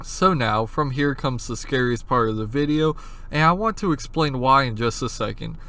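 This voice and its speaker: A man with a medium-pitched, sharp-toned voice narrates at a normal speed. He's a video essayist who analyzes horror series, explaining informally and dropping casual asides as he goes.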